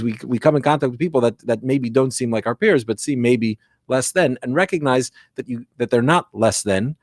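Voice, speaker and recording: Male rabbi, conversational teacher, reflective and questioning, medium pitch, very little room sound. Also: darkish tone, no room sound, studio quality. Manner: reflective, often posing questions to himself and checking with "right?". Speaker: rabbi giving religious guidance. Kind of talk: explanatory religious teaching in conversation.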